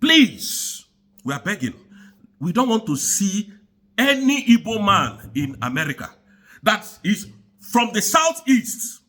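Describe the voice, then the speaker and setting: A man with a high, bright voice delivers a heated political rant. His pitch swings all over the place as he repeats his charges in an angry, preaching tone. He speaks throughout. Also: very animated, a little slow. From Nigeria. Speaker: commentator.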